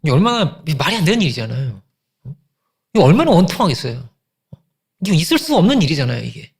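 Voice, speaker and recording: A man's voice: a little high, very animated, fast, gravelly, slightly rough. A middle-aged male pastor preaching a sermon with emphatic repetition and rhetorical questions.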